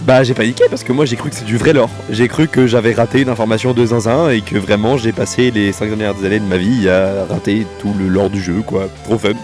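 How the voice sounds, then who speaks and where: A man's voice: steady tone, brisk, hardly any pauses, darkish tone, soft background music. A man doing casual, slangy video game commentary, exasperated and congested, his throat swollen from tonsillitis and his voice giving out. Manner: exasperated, slangy, swinging into high outbursts. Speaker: video host.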